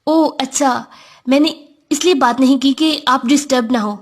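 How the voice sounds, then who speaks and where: Woman voicing an innocent young woman, sweet, gentle, playful, fairly high voice.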